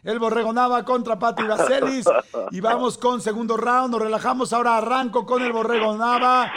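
A Mexican man hosting a comedy joke battle like an energetic announcer. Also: very high voice, fairly quick. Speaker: host.

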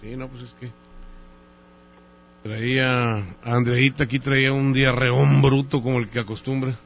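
A man's voice: mid-range voice, level tone, unhurried, pitched below the performer's own voice, lightly acted. A Mexican-accented man playing a fake customer who complains over the phone about bad chicken in a prank call. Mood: insistent.

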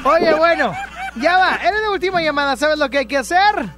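A woman's voice: high-pitched, expressive, normal speed, fairly bright tone. A woman with a Mexican accent hosting a call-in radio show, playful and teasing, often laughing. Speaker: radio host. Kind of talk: casual call-in radio chat.

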